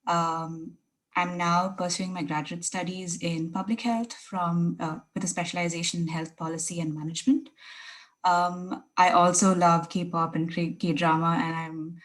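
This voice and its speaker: Woman from india, bit low voice, chatty intro on a video call. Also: fairly even intonation, low-quality recording. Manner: quick, chatty. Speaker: graduate student. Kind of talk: casual self-introduction.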